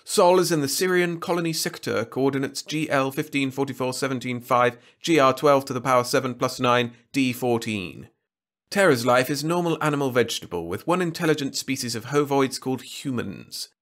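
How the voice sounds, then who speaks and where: A man's voice: mid-range voice, a little fast, a bit bright, voice pushed up, natural voice. A man voicing a nimble, insolent male alien court jester who recites a report in a declaiming way. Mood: reciting.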